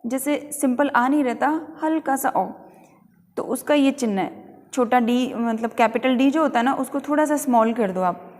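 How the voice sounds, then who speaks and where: A woman's voice: a little high, in a large hall, slight background noise. A woman teacher giving a pronunciation lesson, spelling out words letter by letter and asking learners to repeat after her. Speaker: English teacher.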